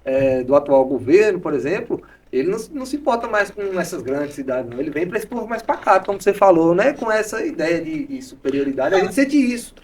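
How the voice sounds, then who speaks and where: A man's voice: on the high side, big pitch swings, a little mellow, recorded from a distance. A man hosting a podcast interview, asking questions and agreeing often. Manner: quick, agreeable interviewer, frequent affirmations. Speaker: podcast host.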